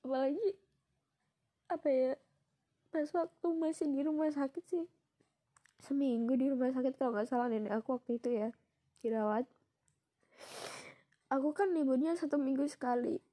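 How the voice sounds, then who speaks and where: A young woman from East Java telling a personal story in a soft, reflective way, pausing often with fillers. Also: high voice. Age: young adult.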